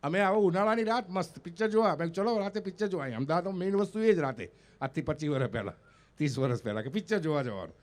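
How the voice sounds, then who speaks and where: This stand-up comedian and mimicry artist, a man in his 50s from North Gujarat, India, has a high voice and talks very fast. His live comic storytelling unfolds on an event stage in front of an audience, where he animatedly plays out the dialogue of the characters in his stories.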